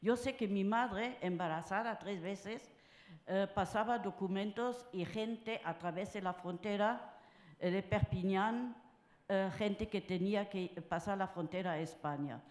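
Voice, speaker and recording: Older lady born in france talking slow at a panel, lots of eh's, roomy hall sound. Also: medium pitch, a little mellow. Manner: halting, with many filler sounds. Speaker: conference panelist. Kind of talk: personal talk at a round table. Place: conference hall.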